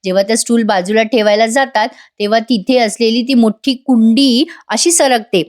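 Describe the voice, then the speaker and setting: A woman's voice: fairly high pitch, fairly even intonation, moderate pace. A woman narrating a chatty voice-over recap of a TV serial, reading out the characters' lines and talking directly to her viewers.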